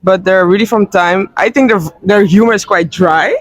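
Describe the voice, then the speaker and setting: A man's voice: high-pitched, moderate pace, dry recording. A man from Curaçao answering a street interview, who laughs often and searches for his words.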